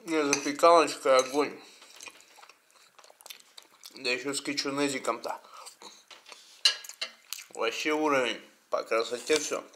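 A man's voice: mid-range voice, fairly even intonation, unhurried, pauses often, noisy background. A man vlogging a meal, talking with his mouth full in a chatty, colloquial way while savoring the food. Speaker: mukbang vlogger. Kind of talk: casual eating commentary.

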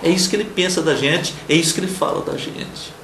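A man preaching a televised sermon with a Brazilian accent, emphatic, swinging between loud declarations and soft murmurs and acting out the people he quotes. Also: a little high, fast, slight background noise. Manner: acts out quoted people in raised voices. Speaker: pastor. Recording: roomy with faint ambience.

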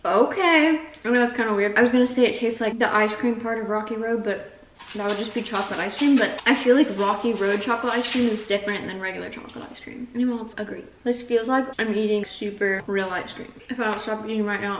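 A young adult woman with a mid-range voice rambles chattily in a casual food vlog, poking fun at herself and saying "like" a lot. She's recorded indoors in a roomy home kitchen by a camera mic on the counter, some distance off, with hiss.

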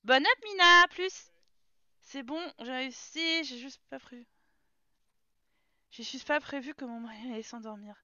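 A woman's voice: high-pitched, measured pace, pauses often, pushed and bright, dry recording, lo-fi sound. A woman streaming a life-sim game from home, chatting casually and talking to her game characters. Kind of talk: casual live gameplay commentary.

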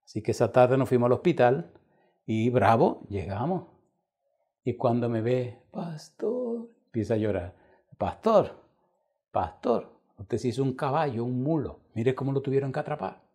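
A male pastor delivers a sermon built on acted-out anecdotes, speaking in a mid-range voice at a moderate pace. He tells a story dramatically, voicing its people and shifting between loud and hushed quotes.

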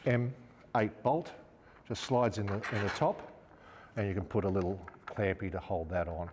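A man's voice: lowish voice, normal speed, big-room sound, noisy background. A man in his fifties with an Australian accent, chatting casually as he demonstrates gear hands-on in a showroom. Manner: chatty, hands-on, talks while working. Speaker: outdoor gear store presenter. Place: large indoor showroom.

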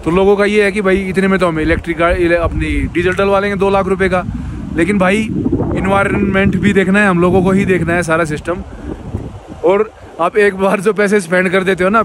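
A man's voice: high-pitched, steady tone, fairly quick. A man in his thirties, a travel vlogger, talking casually into a phone held at arm's length outdoors on a mountain road. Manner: chatty, easygoing, says "bhai" often. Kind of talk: casual vlog talk. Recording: faint outdoor noise.

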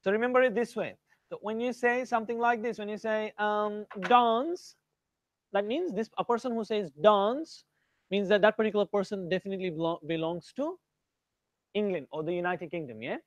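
A man's voice: high voice, quick pace. An Indian-accented man leads a grammar lesson. He drills his students by name and slips between English and Hindi as he explains. The sound is dry, with no room echo. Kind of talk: live grammar class.

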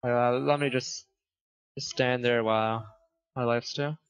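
A man's voice: medium pitch, steady tone, measured pace, clear, resonant tone. Laughing young man gaming chat. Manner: laughs often, swears casually. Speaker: gamer. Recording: dull lo-fi stream audio.

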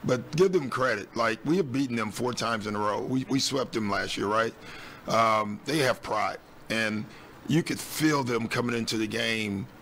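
In a team press room, a man in his sixties, the head coach, takes reporters' questions after the game through a desk mic on a stand. His mid-range voice moves at a normal speed with a slightly bright edge, and he is blunt and matter-of-fact, with lots of ums. Faint background noise sits under the recording.

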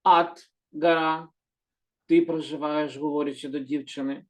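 Gentle, patient male language teacher. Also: on the high side, flat delivery. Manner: gentle, patient, repeats words slowly and corrects himself. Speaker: Hebrew teacher. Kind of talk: calm slow explanatory lesson.

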